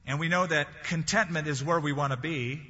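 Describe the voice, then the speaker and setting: A man's voice: fairly high pitch, brisk, sharp tone. A male pastor preaching a sermon in a conversational way, quoting scripture and telling light anecdotes. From California. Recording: dull recording in a large reverberant hall.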